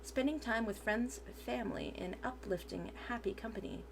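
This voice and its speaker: A woman's voice: on the high side, normal speed, gravelly, slight background noise. A woman VTuber reading a transcript aloud for her stream, sometimes stumbling over words and correcting herself.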